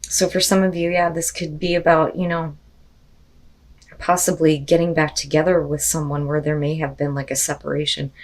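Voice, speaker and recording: Low-voiced, slightly hoarse woman reading tarot. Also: little pitch movement, normal speed, darkish tone. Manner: chatty, full of "you know" and "like" fillers. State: slightly hoarse, losing her voice. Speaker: tarot reader. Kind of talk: casual tarot card reading.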